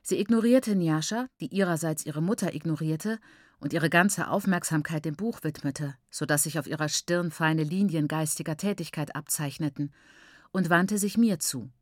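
A woman narrates a literary novel in the first person, her voice on the low side. Her reading is measured and reflective. The recording is close and completely dry. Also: dry recording. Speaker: audiobook narrator.

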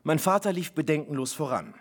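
A man, an author, reading his novel live in measured, reflective first-person narration. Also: fairly high pitch, big pitch swings, husky. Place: live reading in a broadcasting house.

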